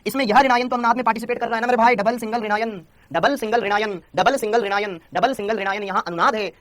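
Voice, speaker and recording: Rapid high-voiced male chemistry teacher. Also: fairly bright tone, dry recording. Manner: rapid, repetitive, coaxing students to answer. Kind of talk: Hindi classroom lecture.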